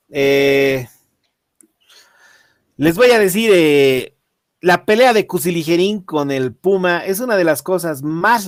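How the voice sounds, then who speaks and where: Man, Bolivian accent, wrestling commentator, very lively intonation, close dry sound, casual and jokey. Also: high-pitched, no echo. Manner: animated, jokey, swearing, halting repetitions. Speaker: wrestling show host.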